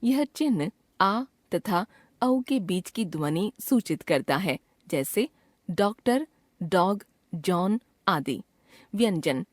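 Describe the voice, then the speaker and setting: A woman reads a grammar lesson at a very slow, deliberate pace, stretching out the sounds she names. Her voice sits in a middle pitch and sounds dry and close, with no room around it. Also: animated, dry recording. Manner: slow, careful, drawn-out enunciation of sounds. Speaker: teacher. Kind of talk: scripted grammar lesson reading.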